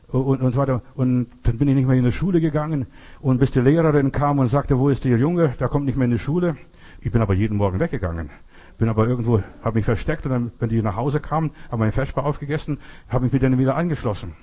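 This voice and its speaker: A man's voice: medium pitch, mellow. An older man preaching a sermon, telling folksy personal stories and asking rhetorical questions. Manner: folksy storytelling, rhetorical questions, repeats "verstehst du".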